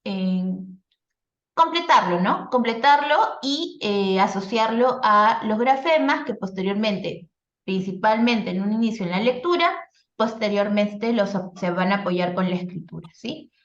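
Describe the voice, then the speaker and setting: A woman's voice: mid-range voice, unhurried. A woman, a speech therapist, giving a live online workshop in an explanatory teaching style, often checking in with "no?" and filler sounds. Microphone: video call. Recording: echoey lo-fi video call audio.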